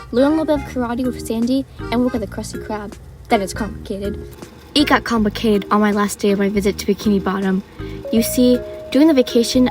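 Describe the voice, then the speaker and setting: A woman casually reading fan fiction aloud, soft-voiced, with joking asides and stumbles, and music behind. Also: a little high.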